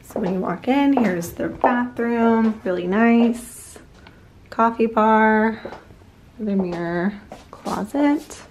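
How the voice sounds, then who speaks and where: A woman's voice: fairly high pitch, slow pace, noisy background. A young woman, chatting casually to a handheld camera as a flight attendant vlogger. She talks in an upbeat way while she packs and moves around. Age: young adult. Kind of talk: casual vlog chat to camera. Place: home kitchen, car, airport and hotel room. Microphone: phone or camera held at arm's length.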